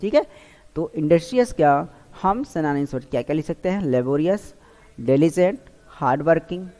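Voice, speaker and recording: A male teacher gives an online exam-prep vocabulary lesson in a warm, mellow voice. He keeps firing questions at his students and answering them himself, repeating each answer. His voice rings with a long reverb, as if recorded in a large hall. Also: on the high side, lively intonation, normal speed.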